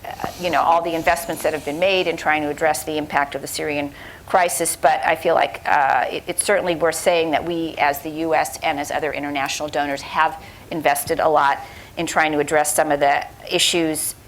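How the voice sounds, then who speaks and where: Brief: deep-voiced woman panelist, thoughtful and hesitant, faint room hiss. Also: fairly even intonation, fairly quick, rough recording. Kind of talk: panel discussion answer.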